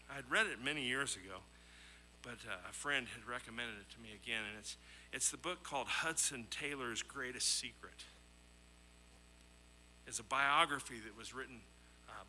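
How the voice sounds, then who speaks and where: In this low-quality recording with slight hiss or hum, a man delivers a sermon of scripture readings and anecdotes. His mid-range voice sounds pushed and bright. He is earnest and emphatic, repeating himself and posing rhetorical questions.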